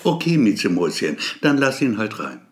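A man's voice: on the low side, very animated, moderate pace. A man narrating a story voices a playful young mother who teases her visitor. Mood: affectionate.

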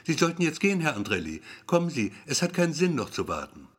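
Man doing a cool female receptionist, crisp formal calls, higher and louder voice, lively lilt. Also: quick pace. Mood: formal, brisk.

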